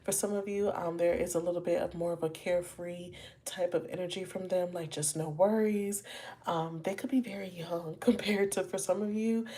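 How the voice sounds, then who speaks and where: A woman's voice: lowish voice, fairly even intonation, moderate pace, mellow. A woman giving a live tarot reading, chatting with viewers and calling them y'all and baby. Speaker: tarot reader.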